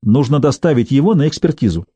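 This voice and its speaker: A man's voice: mid-range voice, animated, fast, warm tone, slightly rough, no echo. A man voicing a tense woman police detective in an audiobook, clipped and urgent.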